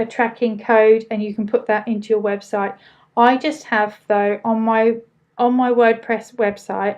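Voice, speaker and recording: A woman's voice: a little high, muffled recording. A woman with an Essex accent hosting a casual live training, chatting informally as she reads out and answers questions, with loosely pronounced words.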